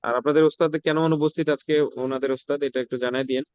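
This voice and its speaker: A man supervising a course, giving a teacher brisk, direct instructions during an online class. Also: mid-range voice, fairly even intonation, a little mellow, clear, resonant tone, dull audio.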